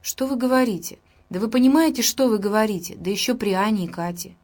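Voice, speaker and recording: A man's voice: sits high, fast talker, darkish tone, natural voice. A woman voicing a tired, short-tempered young husband who scolds angrily in a raised voice. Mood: angry. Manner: angry, scolding.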